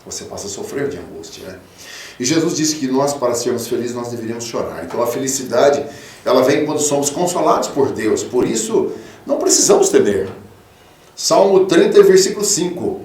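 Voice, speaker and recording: A man, a pastor, preaching a radio sermon, fatherly and emphatic, swinging from loud peaks to soft low tones. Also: sing-song, fairly quick, roomy sound, recorded from a distance. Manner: fatherly, calls listeners 'filho'. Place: radio studio.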